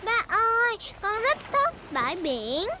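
A woman's voice: very high voice, very animated, slow, very noisy, exaggerated voice. A woman voicing a small cheerful girl piglet in a cartoon dub, bossy, giggly and eager. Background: loud cartoon music.

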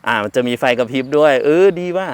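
A man's voice: mid-range voice, animated, fast talker. Chatty man reviewing a gadget. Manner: rambling and chatty, with frequent fillers and laughs. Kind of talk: casual product review.

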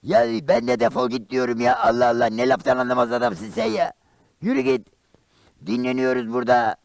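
A man voicing Karagöz, a blunt, quick-tempered common man in a traditional shadow puppet play, firing off rhyming comebacks. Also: big pitch swings, dry recording. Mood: grumpy. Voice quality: gravelly and high. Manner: loud, rhyming comebacks, exclamations.

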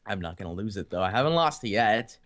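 A man's voice: lowish voice, animated, fast, fairly bright tone. A young man with a sore throat, chatting and joking while playing a game with the host, laughing often. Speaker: co-player. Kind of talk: casual gameplay commentary.

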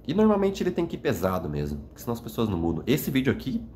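A vlogger speaks to the camera indoors at night in an emotional, reflective monologue, sounding worn out after crying. His medium-pitched, darkish voice swings hugely in pitch and comes rapid-fire over a little hiss or hum. He's earnest and rambling, constantly tagging sentences with little "né?" questions.

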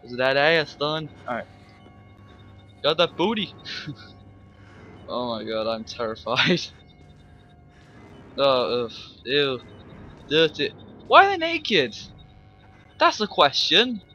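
A man's voice: mid-range voice, expressive, takes it slowly, long pauses, lo-fi sound, soft background music. A young man giving jumpy, swearing let's play commentary on a horror game. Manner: jumpy, swearing, laughing, yelling when startled. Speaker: gameplay commentator.

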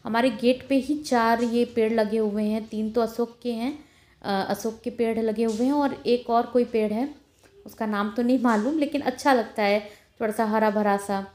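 A young woman chatting casually as she walks through her small rented flat, filming a home tour on a handheld phone. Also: fairly high pitch, normal speed. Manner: chatty, homely, walking while filming. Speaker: home vlogger. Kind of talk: casual house tour narration. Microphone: phone camera held while walking.

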